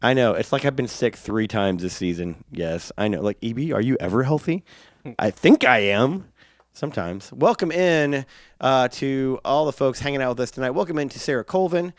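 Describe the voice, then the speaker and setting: A man with a congested, hoarse smoker's rasp, hosting a live stream in a chatty, rambling, playful way. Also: medium pitch, expressive, moderate pace, no room sound, clean studio sound. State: congested from a sinus infection, coughing. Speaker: live stream show host and piano player.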